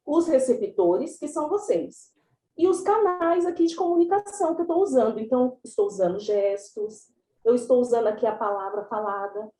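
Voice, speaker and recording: A woman's voice: a little high, reverberant, poor audio. Chatty São woman presenting. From São Paulo, Brazil. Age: 30s. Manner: chatty, animated, explanatory. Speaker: class presenter. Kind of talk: online class presentation. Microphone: video call.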